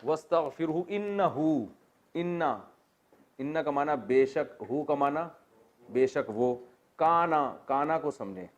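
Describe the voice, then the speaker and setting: A middle-aged man teaching a Quran commentary class at a medium pitch. He works through the grammar step by step. He keeps stopping to put questions to the class and tosses in light jokes. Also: muffled recording. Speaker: religious teacher.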